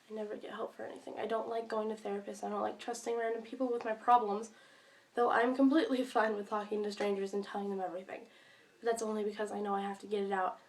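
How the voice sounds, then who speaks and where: A teenage girl talking to camera in a personal vlog, hesitant with many pauses and restarts, sick and speaking around a cough drop. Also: mid-range voice. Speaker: vlogger.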